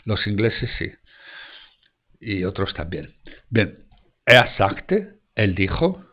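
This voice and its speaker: A man's voice: fairly low pitch, sing-song, slow pace, a bit bright. A man teaching German grammar in Spanish, explaining step by step and checking in often with the class. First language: French.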